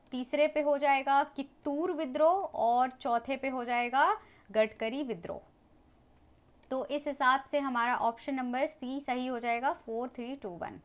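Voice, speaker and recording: A woman teaching a history lesson, briskly working through exam questions and talking to viewers as friends. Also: high-pitched. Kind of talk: exam MCQ walkthrough lesson.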